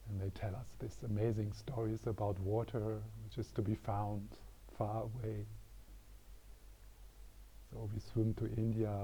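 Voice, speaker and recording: A man teaching meditation, telling a parable gently with many repetitions. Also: fairly low pitch, slight background noise, rough recording. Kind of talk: spiritual teaching talk. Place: workshop room.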